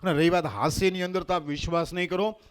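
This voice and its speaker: Male comedian, high voice, teasing, stage mic. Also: fast, smooth. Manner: lively, teasing, engaging the crowd. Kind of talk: stand-up comedy at a religious gathering. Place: stage at a festival gathering.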